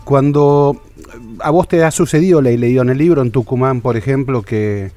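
A man's voice: mid-range voice, warm tone, no echo. Man, interviewer, thoughtful, hesitant, dry close sound. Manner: measured, hesitant, many fillers. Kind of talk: reflective interview questions.

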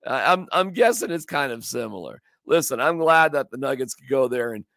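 A man's voice: medium pitch, lively intonation, a little fast, vocal fry, fairly bright tone, no room sound, clean studio sound. A man hosting a casual sports podcast, joking and rambling as he chats with his co-host. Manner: joking, rambling, does silly voices.

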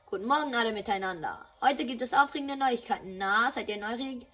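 A woman's voice: a little high, lively intonation, fast talker, a bit bright, faint music behind. A woman voicing a friendly, encouraging male biology teacher in a game dub. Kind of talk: dubbing game dialogue.

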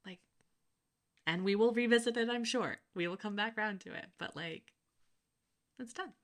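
A woman's voice: medium pitch, a little fast. A woman in her thirties co-hosting a podcast, chatting reflectively with frequent fillers and laughs. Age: 30s. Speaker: podcast co-host. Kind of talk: casual chat.

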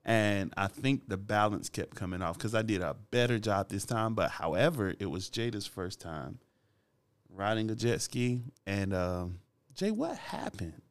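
A man's voice: on the low side, animated, measured pace, clear, resonant tone. A man hosting a casual faith-based podcast, telling stories in a laid-back way and laughing often. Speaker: podcast host.

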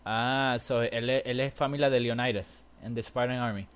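A man's voice: medium pitch, fairly even intonation, moderate pace, fairly bright tone, clean tone. A young man with a Puerto Rican accent in casual debate, switching between Spanish and English with plenty of slang. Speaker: debater on a fan panel show. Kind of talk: casual bilingual banter and debate.

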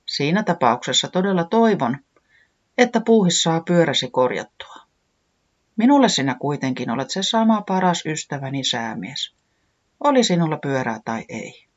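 A gentle, steady forest friend, voiced by a storyteller who soothes and reasons softly, with a lively rise and fall in the voice. The sound is muffled and lo-fi, like a storybook cassette. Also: medium pitch, voice pushed up, close to an everyday voice. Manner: soothing, thoughtful. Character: calm caring forest friend, kind and steady.

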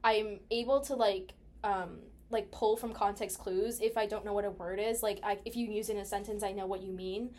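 Her voice sits in the middle range, and she moves along fairly fast with hardly a pause. She's a young woman from the U.S., chatting casually and animatedly about her own life, leaning heavily on "like."

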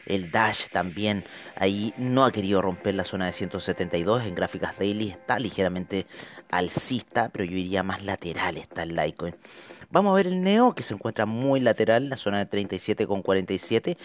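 A man hosting a crypto market show, giving live commentary in a conversational way with rhetorical asides to the viewers. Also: low voice. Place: studio with trading screens, indoors.

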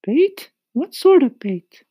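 A man voicing a gentle, kindly female ladybug in a storybook reading. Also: very high voice, sing-song, takes it slowly, dry recording, muffled recording, pitched above the performer's own voice, exaggerated voice. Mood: eager. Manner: gentle, encouraging.

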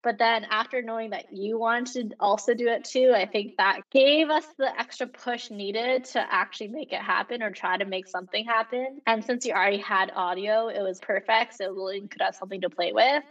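A young woman from Canada talks casually as a podcast co-host, relaxed and chatty. Her voice sits a little away from the mic, and the sound is slightly muffled. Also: medium pitch, a little fast, few pauses, recorded from a distance. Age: young adult. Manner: chatty and relaxed, with many fillers. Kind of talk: casual chat.

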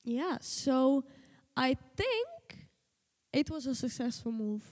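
A teenage guest, the host's daughter and a native Slovenian speaker from Slovenia, talks hesitantly and casually with lots of fillers and restarts. Her high voice is very animated and a little mellow, she takes it slowly, and a long reverb tail follows her words.

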